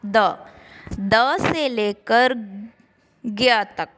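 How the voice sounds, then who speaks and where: A woman teacher slowly drilling syllables for young children, saying each sound twice in an online class. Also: a little high, fairly bright tone, in a large hall.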